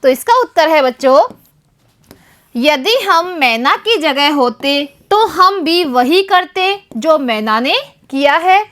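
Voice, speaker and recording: A woman's voice: high-pitched, lively intonation, a bit bright. A woman teaching a primary school Hindi lesson, speaking to young pupils and stressing each syllable with care. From Rajasthan, India. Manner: addresses pupils repeatedly, stresses syllables slowly and deliberately. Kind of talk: classroom lesson for young children.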